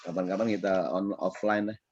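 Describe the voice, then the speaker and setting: A man preaching a casual sermon in a Jakarta Betawi accent, lively and playful, often checking in with his audience. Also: low-pitched, moderate pace, dry recording, highs cut off. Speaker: Islamic preacher. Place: online session.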